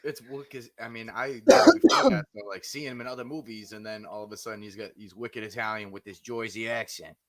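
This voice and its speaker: A young man co-hosting a podcast in casual banter, laid-back and joking with quiet, mumbled asides. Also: lowish voice, fast talker, hardly any pauses. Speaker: podcast co-host.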